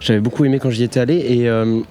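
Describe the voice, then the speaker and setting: Male radio co-host, warm dark tone, curious questions, many hesitations. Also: mid-range voice, steady tone, rapid-fire. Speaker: radio interviewer. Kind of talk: radio interview.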